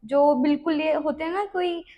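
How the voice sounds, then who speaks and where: A woman's voice: high voice, fairly even intonation, moderate pace, lo-fi sound. A woman hosting a podcast interview who prompts her guest, finishes her sentences, and mixes English words into her Hindi. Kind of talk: casual interview chat.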